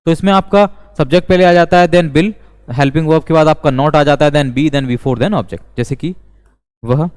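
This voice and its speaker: Man, grammar teacher, smooth resonant voice, slow and repetitive, reverberant room. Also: a little high, a little mellow. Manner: slow, deliberate, repeats each sentence. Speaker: English teacher. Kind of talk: classroom grammar lesson. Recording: long reverb.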